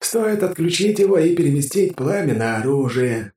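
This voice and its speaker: A man's voice: on the high side, big pitch swings, normal speed, a little mellow, reverberant, distant mic, pitched above the performer's own voice. A man voicing the disembodied spirit of an emperor heard inside the hero's head, a grudging helper making dry, system-like announcements in an audiobook. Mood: advisory. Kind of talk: audiobook character voice.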